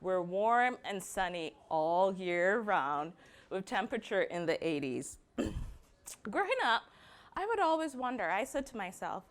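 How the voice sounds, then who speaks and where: A young woman from Barbados speaks with a Barbadian accent, her voice sitting at an ordinary middle pitch. She gives a prepared personal talk in a measured way. She slows right down to lean on the words that matter. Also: very animated.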